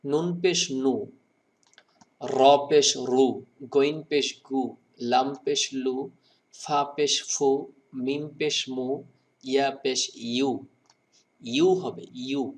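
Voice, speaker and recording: A man teaching Arabic letter pronunciation. He drills each syllable slowly and clearly, one at a time. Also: medium pitch, flat delivery, a little mellow. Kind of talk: slow, deliberate pronunciation lesson.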